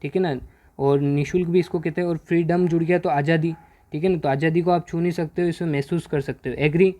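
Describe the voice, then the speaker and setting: Man, teacher, worksheet lesson, answers his own questions, slightly high voice, warm tone. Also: steady tone. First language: Hindi. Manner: repeats questions and answers them himself; reads English sentences slowly.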